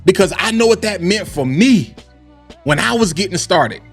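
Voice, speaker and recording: Man, high-pitched, livestream host, animated ranting, soft music behind. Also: normal speed, slightly rough. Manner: hyped, loud and then dropping low to calm down. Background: faint background music.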